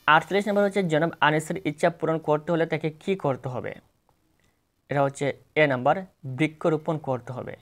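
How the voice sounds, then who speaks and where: A man with a Bangladeshi Bengali accent, working as an exam tutor, reads multiple-choice questions and answers aloud in a plain, steady way, correcting himself now and then. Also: on the high side.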